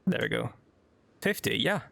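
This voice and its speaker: In a dry recording, a young Norwegian man speaks at medium pitch with lively intonation and a moderate pace, his voice creaky, pushed and bright. Hosting a let's play in non-native English, he rambles, leans on fillers, and chats casually while reading game text.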